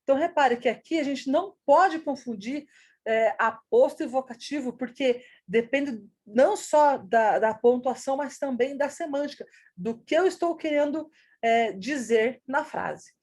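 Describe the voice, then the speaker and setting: A woman's voice: high-pitched, a little slow, a little mellow. A woman, teaching a recorded grammar lesson and explaining patiently with rhetorical questions.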